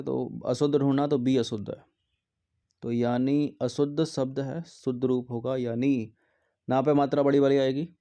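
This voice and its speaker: A man's voice: mid-range voice, warm tone, clear, resonant tone. A man teaching Hindi grammar, reading out exam questions and their answer options, then explaining methodically which one is correct.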